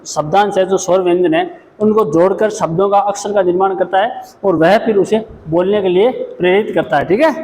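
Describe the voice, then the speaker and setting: Male lecturer, high voice, repeats each point; echoey room, faint hiss. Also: a little mellow. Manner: explains then repeats each point, frequent "ठीक है". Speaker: special education lecturer. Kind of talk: classroom lecture.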